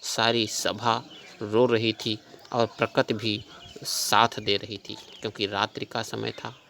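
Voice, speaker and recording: A man's voice: lowish voice, level tone, takes it slowly, creaky, sharp tone, a little hiss or hum. A man teaching a class, explaining a poem line by line and patiently restating each verse in plain words.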